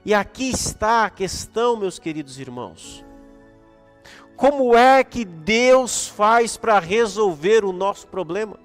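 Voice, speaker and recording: Brazilian male pastor, earnest storyteller in a sermon; high, reverberant church with music under him. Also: expressive, slow. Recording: echoey hall with soft music.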